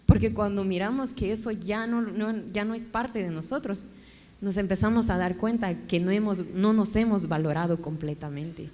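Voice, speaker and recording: A woman's voice: medium pitch, normal speed. Woman from Guatemala, an interview guest, telling her story with feeling in an echoey hall. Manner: animated, emotional storytelling.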